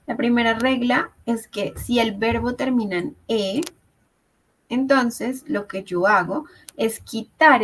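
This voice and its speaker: A woman teaches English grammar in an online class, walking through each rule patiently. Her voice sits on the high side. She keeps checking that her students follow. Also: poor audio. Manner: patient, explains step by step, checks with "¿listo?". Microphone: video call.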